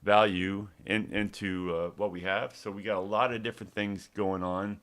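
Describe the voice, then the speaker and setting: A man's voice: lowish voice, fairly even intonation, normal speed, a bit bright. A middle-aged man, a developer and small business owner, talking casually in a rambling live demo with many restarts and fillers. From Texas.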